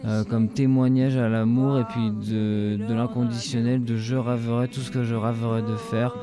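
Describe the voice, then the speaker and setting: A man casually introducing his own song, speaking in a halting, hesitant way. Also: mid-range voice, flat delivery, music in the background. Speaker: songwriter.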